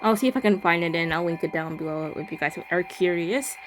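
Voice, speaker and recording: Speaking fast in a voice on the low side, a woman reads a game's narration aloud and adds offhand remarks as she plays through it. Loud game music runs beneath her voice.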